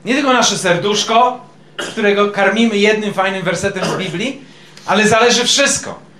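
A man's voice: high-pitched, moderate pace, bright, forceful tone, slight background noise. A male pastor preaching a sermon in a conversational way, quizzing his congregation with questions. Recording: echoey room.

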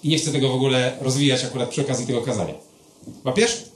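Racing along in a mid-range voice, a pastor fills his sermon with personal stories. His delivery is lively and conversational, aimed straight at the people listening.

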